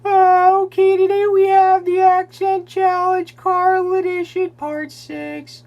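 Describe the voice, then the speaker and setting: A timid cartoon boy in an extremely high, nasal whine. He speaks very slowly and haltingly, stretching words out with dorky earnestness, as in a comic impression challenge. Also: flat delivery, muffled recording, exaggerated voice. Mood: earnest, dorky. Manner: halting, numbered delivery with drawn-out words. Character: Carl Wheezer, timid whiny cartoon boy.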